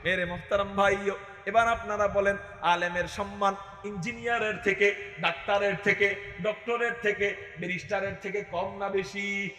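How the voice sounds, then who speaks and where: Fiery preacher shouting through echoing loudspeakers. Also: male voice, high voice, fairly even intonation, normal speed, soft background music. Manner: impassioned, rising to shouts, chanting verses. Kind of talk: waz sermon to a crowd. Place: open field gathering.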